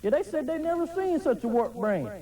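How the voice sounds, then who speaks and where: Very high goofy horror host sidekick. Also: male voice, big pitch swings, a little fast, warm tone. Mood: wisecracking. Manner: silly, wisecracking, campy horror host patter. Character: goofy, dim-witted, lecherous male horror show sidekick. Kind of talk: campy horror host comedy banter.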